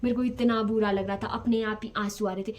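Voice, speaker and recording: A woman's voice: mid-range voice, steady tone, brisk. Chatty young woman telling a story. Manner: chatty, rambling, repeats words, drifts between soft and loud. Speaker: vlogger. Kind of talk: casual emotional storytelling.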